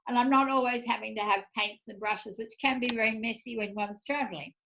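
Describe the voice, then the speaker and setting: A woman's voice: a little high, fairly even intonation, a little fast, vocal fry, sharp tone, a little hiss or hum, rough recording. Chatty woman hosting a spiritual show. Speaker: show host, artist. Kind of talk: casual chat.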